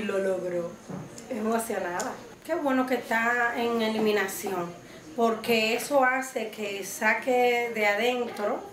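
Young woman telling a lively story. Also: fairly high pitch, roomy sound, background noise. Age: young adult. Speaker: aunt of contestant. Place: indoor living room.

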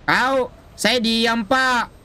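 Bright high-voiced young man, mock-formal. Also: fairly even intonation, drawn-out words, smooth. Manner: mock-formal, keeps calling his friend "Pak". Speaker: mobile game player. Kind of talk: casual gaming banter.

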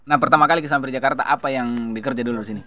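A man's voice: mid-range voice, fairly even intonation, rapid-fire, pushed and bright. A man from Sulawesi with a Makassar accent, hosting a casual interview and often chiming in with agreement. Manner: frequent agreeing backchannels. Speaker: host.

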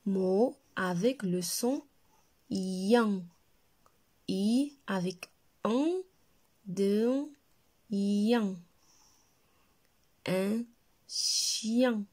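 A woman with a Moroccan French accent, teaching a slow reading lesson to young children and repeating each word carefully for her pupils. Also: medium pitch, darkish tone. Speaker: primary school teacher.

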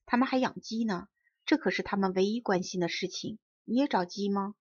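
A woman voicing a wise, calm fox who patiently explains things in a storybook reading. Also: mid-range voice, brisk, husky, lightly acted. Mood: grumbling. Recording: dull lo-fi recording.

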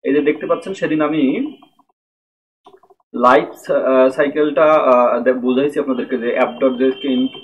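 A man's voice: medium pitch, moderate pace, pauses often. A man giving a screen-recorded coding lesson, explaining step by step and often checking in with "okay?". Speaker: programming tutor. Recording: tinny phone-like mic with faint noise.

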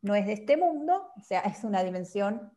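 A woman's voice: medium pitch, sing-song, normal speed, warm tone. A woman, explaining patiently as a guest and often closing a point with a questioning tag. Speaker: guest teacher. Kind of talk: explanatory talk on a calendar system.

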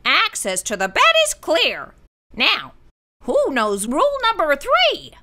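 A woman's voice: high voice, huge pitch swings, pushed and bright, heavily acted. Woman voicing a stern monster teacher. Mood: stern, instructive. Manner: instructive, stern, measured. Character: strict long-necked male monster teacher.

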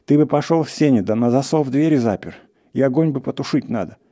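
A man's voice: medium pitch, expressive, moderate pace, warm tone, husky, pitched above the performer's own voice. Man putting on a whiny frightened forester. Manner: plaintive, whining, moaning. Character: scared pious old male forester, whiny.

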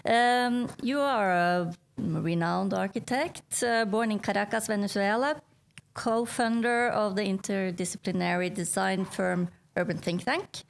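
A woman's voice: medium pitch, measured pace, creaky. A woman moderator formally introducing a speaker at a seminar. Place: indoor seminar room. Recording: faint room noise.

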